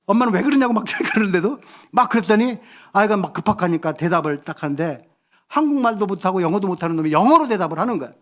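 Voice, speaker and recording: A man preaching a church sermon, telling a family story in a lively, colloquial way. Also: high voice, quick pace. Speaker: pastor.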